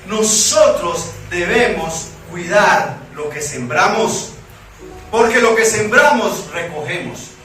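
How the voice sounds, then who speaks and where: A Colombian-accented man preaches a sermon and keeps asking the congregation rhetorical questions. His voice sits very high and sounds bright and forceful. He is recorded from a distance in a very echoey church hall, with faint music behind him. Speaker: pastor.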